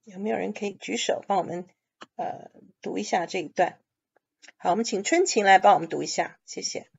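A woman's voice: mid-range voice, brisk, vocal fry, slightly rough. Patient woman teaching English, lo-fi audio. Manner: patient, explanatory, mixing in English words. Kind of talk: explaining a reading lesson. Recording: dull lo-fi audio.

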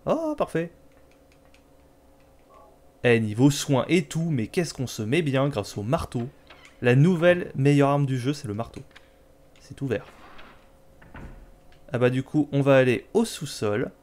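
A man's voice: medium pitch, animated, measured pace, pauses often, a little mellow. Man, let's play host, casual game commentary, joking, sarcastic.

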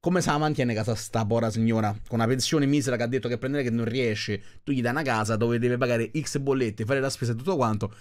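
A man's voice: medium pitch, steady tone, fast, few pauses. A man giving casual, skeptical commentary on a video, rambling with restarts. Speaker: reaction video host.

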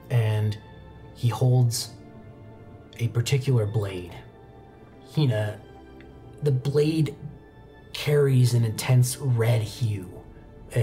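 Seated at a desk on an indoor studio set, a young adult man acts as game master for a tabletop roleplaying game, telling the story in measured phrases with pauses. His mellow voice is dark-toned and on the low side, with soft background music playing under it.

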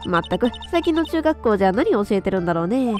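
A woman voicing a pushy, gossiping middle-aged woman who talks brashly and roughly. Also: a little high, big pitch swings, fast talker, a little mellow, faint music behind. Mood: scolding.

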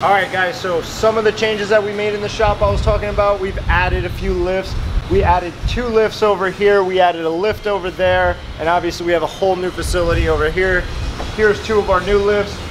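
A man's voice: high voice, fairly even intonation, a little fast. A man in his thirties giving an upbeat, plain-spoken walkthrough of a car workshop. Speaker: shop manager giving a tour. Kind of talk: casual walkthrough vlog. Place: large indoor vehicle workshop. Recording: workshop noise behind.

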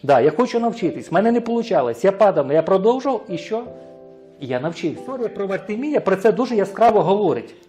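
A man's voice: high voice, very animated, quick pace, warm tone, faint music behind. A man preaching a sermon, often asking his congregation rhetorical questions and tagging his sentences with a questioning "right?".

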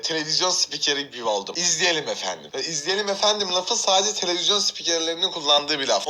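A man's voice: high-pitched, sharp tone, a little hiss or hum. A man hosting a casual reaction video, exclaiming and laughing often as he comments on clips.

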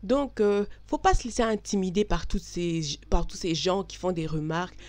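A woman's voice: lowish voice, lively intonation, normal speed, darkish tone, no echo. A woman from Belgium, vlogging in a frank, chatty way with many hesitations. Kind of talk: casual talk to camera.

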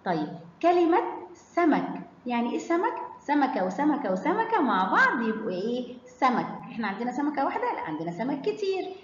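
A woman with an Egyptian Arabic accent teaching children to read, stretching out syllables slowly and quizzing them with questions. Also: high-pitched, sing-song, a little hiss or hum. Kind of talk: children's phonics lesson. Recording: echoey hall, slightly dull sound.

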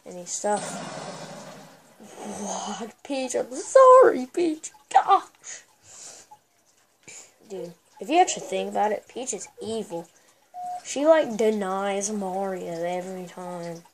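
A woman with a girlish voice giving excitable, trash-talking commentary while playing a shooter game. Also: medium pitch, unhurried. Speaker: gameplay commentator. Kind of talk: casual gameplay commentary. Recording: noisy recording with steady hiss.

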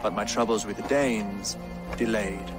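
An actor playing a grave, pious Anglo-Saxon king in a video game, with an English accent and a calm, measured, formal manner. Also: lowish voice, natural voice. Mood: solemn, pious. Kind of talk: video game cutscene acting. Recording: music behind the voice.

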